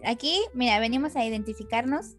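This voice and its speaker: A woman's voice: on the high side, a little fast, soft background music. A young adult woman with a Mexican accent, co-hosting a casual comedic chat with slangy, wry, self-deprecating humor. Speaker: podcast co-host.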